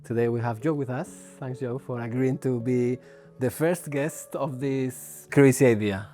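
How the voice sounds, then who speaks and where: Mellow-voiced man hosting an interview. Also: mid-range voice, unhurried, soft background music. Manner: relaxed, asks short questions. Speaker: host. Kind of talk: casual interview.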